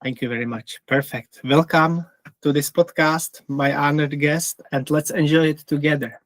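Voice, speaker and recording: A man's voice: on the high side, fairly even intonation, normal speed, no room sound. A man from the Czech Republic hosting a podcast, asking polite, careful questions over a call. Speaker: podcast host. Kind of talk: remote interview.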